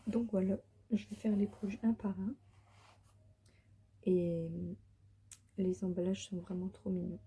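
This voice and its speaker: A woman whispers her way through a relaxed beauty unboxing vlog, her voice very breathy and soft. Her tone is dark and mellow, and she sounds tired. She is sitting on the floor of her bedroom. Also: mid-range voice, measured pace, pauses often. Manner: whispering softly. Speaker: beauty vlogger.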